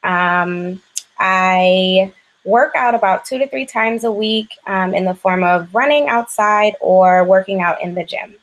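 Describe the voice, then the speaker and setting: A woman in her twenties from Ohio gives a graduate class presentation. Her pitch sits in an ordinary middle range. She reads from a prepared report at an even, steady pace. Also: unhurried, low-quality recording. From Ohio, USA. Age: 20s.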